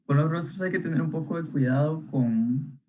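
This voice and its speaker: A man's voice: on the high side, moderate pace, dark tone, slight background noise, low-quality recording. A young man teaching an online illustration workshop, talking casually while he draws, with many fillers and checking questions. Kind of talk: live online drawing lesson.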